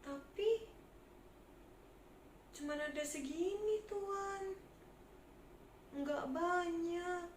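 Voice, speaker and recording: Woman doing a timid market seller woman, high and hesitant, pleading, echoey room. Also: extremely slow, long pauses, slight background noise, exaggerated voice.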